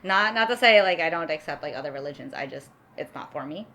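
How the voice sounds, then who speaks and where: A woman from New York City, a guest in a casual chat, talking animatedly and acting out quotes with frequent laughs. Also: fast talker. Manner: animated, acts out quotes in a high voice, laughs often.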